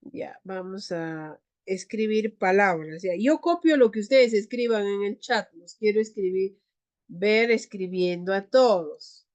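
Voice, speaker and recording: A woman teaching an online class, leading slow pronunciation drills and calling on students. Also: mid-range voice, a little mellow. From Peru. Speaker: Quechua teacher.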